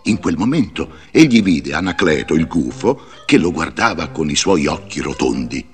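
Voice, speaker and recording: A wise old wizard with a low, rumbling voice. He tells his storybook tale with big, swooping pitch and theatrical flair. Faint music plays softly behind him. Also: very animated, moderate pace. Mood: storytelling. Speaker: storybook narrator in character. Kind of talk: read-along storybook narration.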